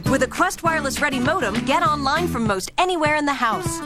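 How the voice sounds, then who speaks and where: Bright high-voiced woman reading an ad. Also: lively intonation, brisk, over loud music. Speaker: ad announcer. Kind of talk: scripted commercial read.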